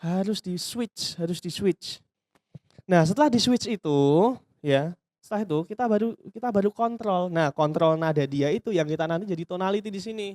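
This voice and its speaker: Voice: medium pitch, dry recording. A business trainer giving a casual seminar talk, asking and answering their own questions and acting out customer dialogues. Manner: lively, acts out customer dialogues in quick voices; addresses audience directly, asks and answers own questions.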